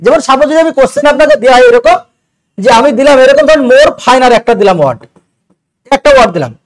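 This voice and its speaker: During an exam doubt-clearing lecture, a man teaches English grammar step by step, questioning his students along the way. His very high voice is sing-song, he talks fast, and the audio quality is poor.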